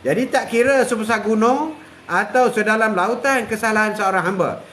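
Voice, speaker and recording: Older male preacher with a high voice; live religious talk, lots of repetition and "ha" fillers. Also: fairly bright tone. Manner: repetitive, drawn-out, punctuated with "ha" and chuckles.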